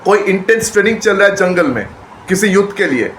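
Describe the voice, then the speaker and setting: A man reviewing a movie trailer in casual chat, retelling scenes excitedly and often repeating and restarting his phrases. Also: sits high, brisk. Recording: echoey room with faint background noise.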